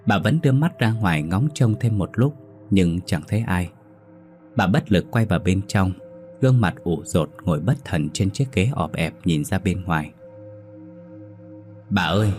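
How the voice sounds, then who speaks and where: Deep-voiced man narrating a ghost story. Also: darkish tone.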